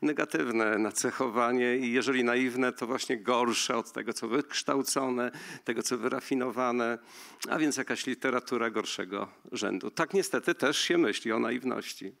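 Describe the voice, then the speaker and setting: A man's voice: mid-range voice, moderate pace, gravelly, fairly bright tone. A man speaking on a literary panel in academic phrasing. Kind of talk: panel discussion.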